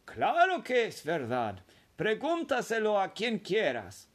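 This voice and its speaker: Man doing an excited old grandpa. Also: high voice, slow pace, voice pushed up, full character voice. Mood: conspiratorial. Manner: hushed, conspiratorial, emphatic.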